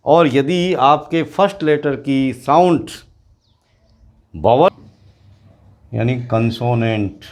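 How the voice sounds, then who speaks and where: A man teaching an English grammar lesson to students, explaining slowly and repeating example words. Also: mid-range voice, a little mellow. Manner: slow, repetitive explaining, addressing students directly.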